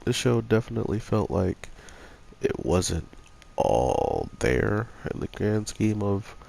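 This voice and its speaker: A man's voice: fairly low pitch, wildly swooping pitch, slow, vocal fry, darkish tone. A young man with a stuffy cold, sniffling as he reviews an anime episode in a rambling casual chat full of fillers. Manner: rambling, many fillers like "like" and "you know".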